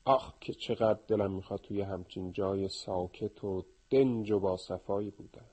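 A tired storybook animal who grumbles about endless journeys, as a male narrator voices him. His voice sits close to the narrator's own, mellow and somewhat husky, and earnest in tone. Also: on the low side, fairly even intonation, poor audio. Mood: wistful.

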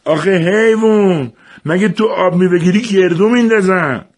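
A man voicing a bad-tempered father who shouts and scolds his son, in a storybook reading. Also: sits high, voice pushed up. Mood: enraged.

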